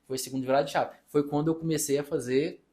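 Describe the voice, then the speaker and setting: A Brazilian man, an accountant and business partner, tells stories in a casual podcast chat, acting out the dialogue as he goes. His voice is on the high side, steady, and dark in tone, and he talks fast.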